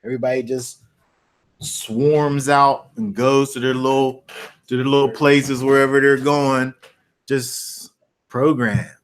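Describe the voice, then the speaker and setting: A man hosting a Bible study discussion, chatting casually and telling loose, animated stories, acting out scenes with playful sound effects. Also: medium pitch, slow pace. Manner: loose, rambling with restarts. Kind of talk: casual chat.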